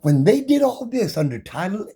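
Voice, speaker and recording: This man's high voice is very animated, dark in tone and a bit rough, moving at a moderate pace. His monologue is a combative, impassioned tirade about his rights, and he rattles off legal codes by heart while swearing, repeating himself, and speaking in loose slang.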